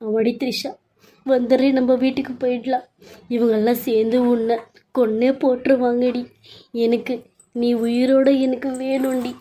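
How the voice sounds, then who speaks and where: A woman's voice: a little high, level tone, normal speed, dark tone, close to an everyday voice. Woman playing a wailing, frantic mother. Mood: pleading. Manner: wailing, pleading. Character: frantic mother wailing over her hurt daughter. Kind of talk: Tamil audio serial acting.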